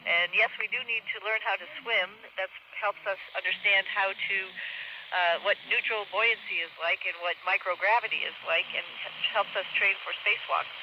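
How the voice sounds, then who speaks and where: A man's voice: high-pitched, steady tone, normal speed. A man speaking from a space station over a radio downlink, patiently repeating call signs and answering questions. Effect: heard over a radio downlink. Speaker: astronaut answering school questions. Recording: muffled radio reception with loud static.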